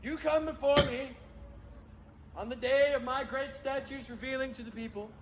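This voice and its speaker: A man's voice: very high-pitched, steady tone, normal speed. A man playing a vain, petulant pagan king in a comic amateur stage pageant, bombastic and declamatory. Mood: outraged. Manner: bombastic, declamatory shouting dropping into casual asides. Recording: very noisy live outdoor pageant recording.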